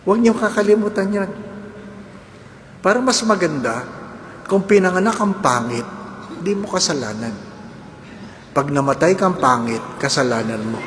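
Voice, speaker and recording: A man preaching with a lively, joking delivery, swinging his voice up and down as he keeps asking the congregation to agree. His voice sits a little high and rings out through a large, echoey church hall with faint ambience behind him. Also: moderate pace, long pauses, slight background noise. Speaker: priest. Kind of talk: humorous homily.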